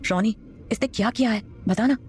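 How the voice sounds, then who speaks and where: Brash excitable young guy, hot temper, audio story voice, played by a woman. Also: fairly high pitch, brisk, soft background music, natural voice. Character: hot-headed loyal young man, brash friend.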